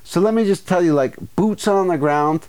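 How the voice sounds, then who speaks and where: A man's voice: sits high, moderate pace, darkish tone, clear, resonant tone. A man co-hosting a casual podcast chat, telling rambling stories full of acted asides. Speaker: podcast co-host.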